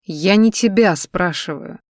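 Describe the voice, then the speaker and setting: A woman's voice: on the low side, no echo, clean studio sound, lightly acted. A woman doing Zoloto, a seething protective man. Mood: threatening. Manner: slow speech through gritted teeth. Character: protective, hot-tempered young man.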